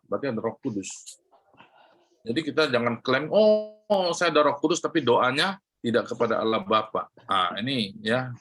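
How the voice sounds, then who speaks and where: A man teaching a lesson on prayer, animated and often asking his listeners questions. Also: fairly high pitch. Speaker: church teacher.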